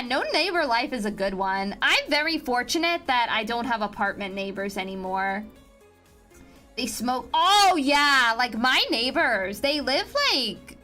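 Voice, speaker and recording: A woman's voice: high voice, bright, forceful tone. A young woman chatting with her viewers on a stream from home, giggly and teasing, with lots of restarts. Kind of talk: casual chat with stream viewers. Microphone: home streaming mic.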